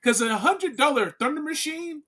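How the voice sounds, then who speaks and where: A man's voice: very high-pitched, animated, moderate pace, bright, forceful tone. A man chatting on a casual livestream, blunt and swearing casually.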